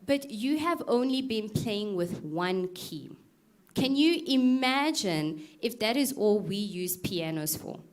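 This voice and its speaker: Taking it slowly in a mid-range voice, a woman talks through public speaking in a live workshop. She's direct, posing questions to attendees, and lively, dramatizing awkward fillers and reactions for effect.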